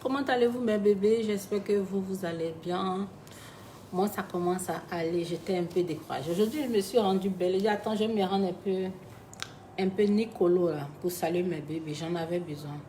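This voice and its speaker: A woman's voice: lowish voice, steady tone, brisk, dark tone, a little hiss or hum. A woman, chatting on a phone livestream to followers she calls her babies, turning sombre and reflective when she talks about loss. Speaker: live streamer talking to her followers. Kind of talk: casual live-stream chat.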